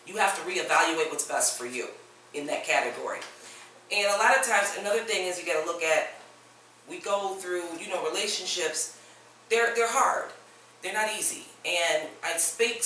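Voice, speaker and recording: A man's voice: high voice, sharp tone. A man co-hosting a panel talk show, earnestly giving relationship advice. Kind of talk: casual panel discussion. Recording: echoey room from far off, faint noise.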